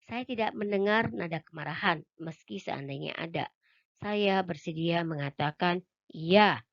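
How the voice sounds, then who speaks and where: A woman reading an audiobook aloud in a calm, even way, with a few small slips. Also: on the low side, measured pace, creaky, no echo, muffled recording. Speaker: audiobook reader. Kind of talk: audiobook narration.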